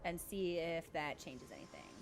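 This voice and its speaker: A woman giving casual, jokey live commentary as she streams a game, speaking in an animated way and swearing freely. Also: deep voice, moderate pace, background noise.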